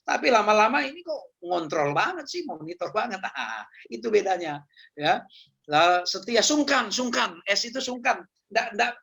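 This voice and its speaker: Male seminar speaker, chatty and joking, high bright voice with gravel. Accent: Indonesian. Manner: chatty, joking, repeats words, laughs often. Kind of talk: casual humorous talk on personality types.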